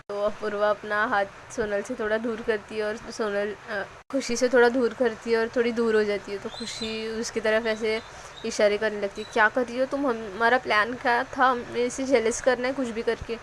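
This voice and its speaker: Woman, lively storyteller, slightly high-pitched, faint background noise. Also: moderate pace, low-quality recording. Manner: lively, voices characters' lines with rising energy. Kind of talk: narrated story with dialogue.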